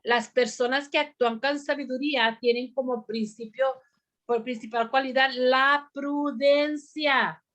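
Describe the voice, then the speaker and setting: Woman preaching slow and careful to her ladies group, kinda high voice, lots of amén. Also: fairly even intonation, fairly bright tone. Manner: slow, deliberate, repeats "amén" and asks the group questions. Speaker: women's ministry teacher. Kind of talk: bible teaching sermon.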